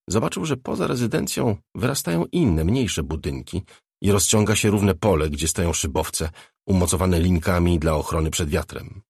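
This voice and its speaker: A man narrates an audiobook in a calm, measured way. His voice is low, gravelly and husky. The recording is dry and close, with no room sound. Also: no room sound. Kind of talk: scripted narration.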